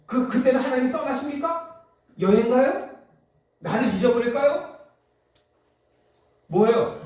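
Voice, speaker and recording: Male preacher, high and animated, insistent rhetorical questions, heard from a distance in a reverberant church. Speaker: pastor. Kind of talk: sermon. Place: church sanctuary. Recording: echoey church hall, distant mic.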